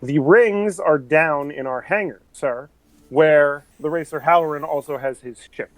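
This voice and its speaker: A man's voice: on the high side, unhurried, dry recording, voice pushed up, rough recording. A man voicing a formal, frank male casino club official in a tabletop game. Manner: formal, addresses listener as sir.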